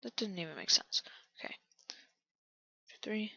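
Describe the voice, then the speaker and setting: A man quietly commenting on his own game build, often half-whispering to himself. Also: high voice, lively intonation, normal speed, vocal fry, no room sound, highs cut off. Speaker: channel host building in a video game.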